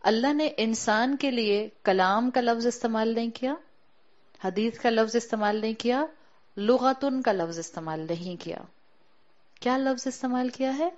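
Speaking at a fairly high pitch, a woman acting as a Quran teacher delivers a religious lecture to a class of women. She explains things patiently, slows down to emphasize key words, and sprinkles in English terms. The recording sounds muffled.

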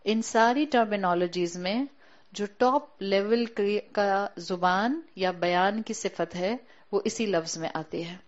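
A woman giving a religious lecture to a women's class as a Quran teacher, explaining patiently, slowing down to stress key words and mixing in English terms. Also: medium pitch, highs cut off.

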